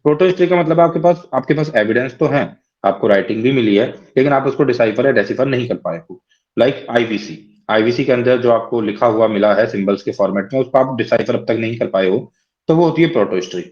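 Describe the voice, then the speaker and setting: A man's voice: medium pitch, fast talker, a little mellow, lo-fi sound. A man teaching a class lecture, explaining step by step and often checking in with his listeners.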